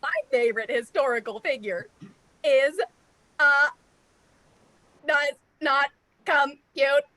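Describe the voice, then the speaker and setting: A woman playing a sly female phone scammer who insists she is not a robot, talking in a slow, sugary sales pitch. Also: sharp tone, heavily acted, poor audio. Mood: cagey. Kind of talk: improv comedy game.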